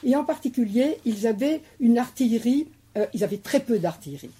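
Woman, deep-toned and very raspy; hesitant guest explaining a novel, with frequent fillers, and reading passages aloud. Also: lively intonation, a little fast, warm tone. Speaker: guest discussing a war novel.

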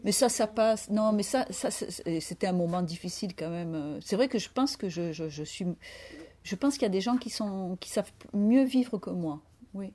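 Reflective woman in her fifties, mellow. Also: mid-range voice, lively intonation, moderate pace. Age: 50s. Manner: reflective, searching for words. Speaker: author and interview guest. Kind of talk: interview conversation.

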